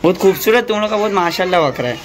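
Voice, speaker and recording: A man, vlogging casually to his viewers in an excitable, chatty way with frequent laughter. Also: sits high, rapid-fire. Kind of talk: casual vlog narration to viewers.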